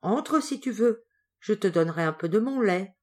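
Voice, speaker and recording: A woman's voice: medium pitch, expressive, moderate pace, pitched above the performer's own voice, natural voice. A woman voicing a very old, kind woman who warns a boy in a storybook reading. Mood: warning. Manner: warning, gentle.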